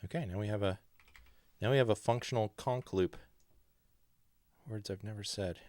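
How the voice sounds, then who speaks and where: A man's voice: lowish voice, normal speed, darkish tone, no room sound. A man hosting a music livestream, chatting in an upbeat, playful way while he works in his studio. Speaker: livestream host and music producer. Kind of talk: casual livestream chat. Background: music playing.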